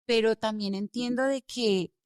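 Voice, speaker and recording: A woman's voice: on the high side, unhurried, clean tone, dry recording, studio quality. Emphatic woman, lawyer from Colombia. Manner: animated, emphatic storytelling. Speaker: immigration lawyer, guest. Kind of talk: podcast interview.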